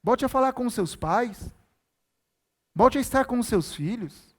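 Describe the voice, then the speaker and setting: A man's voice: very high voice, expressive, a little slow. A male pastor preaching a sermon, earnest and exhorting, repeating his key phrases for emphasis.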